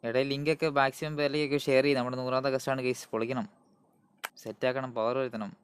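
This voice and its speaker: A man's voice: mid-range voice, little pitch movement, quick pace, slight background noise. A man with a Malayali accent hosting a casual gaming live stream, calling out greetings and hype to viewers and mixing English words into Malayalam.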